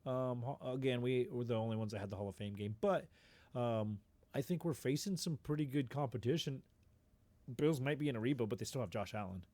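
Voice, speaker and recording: A man co-hosting a podcast, chatting casually about football in a relaxed, rambling way with frequent ums. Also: mid-range voice, brisk, dry recording. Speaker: podcast co-host. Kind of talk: casual sports chat.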